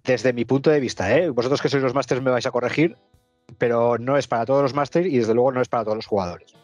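A man's voice: mid-range voice, fairly even intonation, quick pace, darkish tone, no echo, muffled recording, soft background music. A man hosting a casual podcast, thinking aloud with hesitant restarts.

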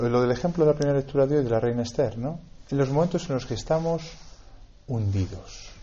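A priest from gives a homily in a chatty, conversational way, often tagging his sentences with questions and stumbling over repeated words. His voice is dark and husky. The recording is dull and lo-fi. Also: mid-range voice.

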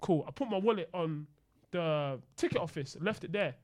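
A man's voice: on the high side, animated, normal speed, no echo, studio quality. A man with a London accent co-hosting a podcast, bantering and telling anecdotes in slangy, jokey speech that often repeats phrases. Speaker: podcast co-host. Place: podcast studio.

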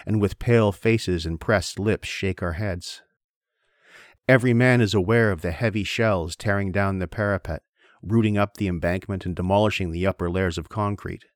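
A man hosting a podcast, reading a war novel aloud in a measured, grave manner that slows on tense passages. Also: deep voice, no room sound, studio quality. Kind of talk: solemn literary reading.

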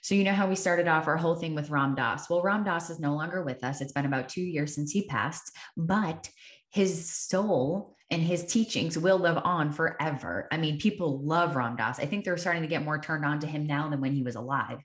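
A woman's voice: sits low, normal speed. A woman hosting a podcast, telling a personal story in an earnest, reflective way and repeating phrases for emphasis. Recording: echoey room.

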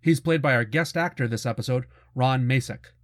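A man's voice: medium pitch, normal speed, no room sound, clean studio sound. A middle-aged man hosting a show with casual, informative commentary and a fan's conversational enthusiasm. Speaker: host of a cartoon retrospective show. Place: close, dry voice-over recording.

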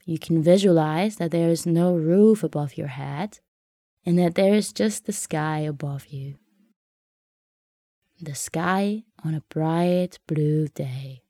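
A woman guiding a meditation in a soft, soothing, unhurried way, leaving long pauses between phrases. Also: sits low, no room sound, studio quality. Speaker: meditation guide. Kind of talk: guided meditation narration.

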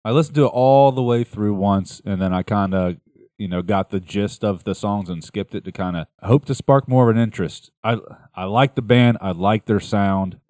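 A man co-hosting a casual music podcast, joking and teasing, with halting starts. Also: fairly low pitch, a little mellow, no room sound, clean studio sound. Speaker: podcast co-host. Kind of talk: casual chat about music.

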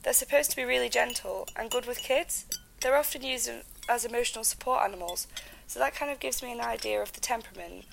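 British female, acting, affectionate eager young-family mum for audio drama; fairly high with vocal fry. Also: quick pace, a bit bright, a little hiss or hum. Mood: hopeful, coaxing. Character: affectionate, eager wife and mother calling from home.

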